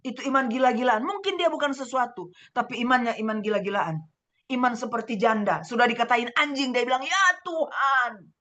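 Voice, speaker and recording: A middle-aged woman pastor from Manado with a Manado Indonesian accent, preaching a sermon over a video call, fervent and swinging between loud exclaiming and hushed asides. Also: a little high, quick pace. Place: home room, husband preaching next door.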